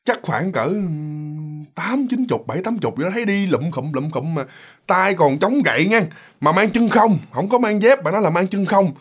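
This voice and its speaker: This channel host's husky, high-pitched voice moves at a normal pace with plenty of lively rise and fall. He tells a ghost story casually in his Southern Vietnamese Mekong Delta accent, rambling and repeating himself as he addresses his audience directly.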